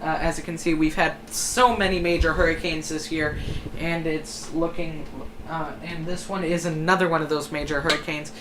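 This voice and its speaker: A person hosting a live hurricane stream comments on forecasts in a hesitant manner, frequently self-correcting. They speak at a moderate pace in a mid-range voice with flat delivery, and the recording carries noticeable background noise.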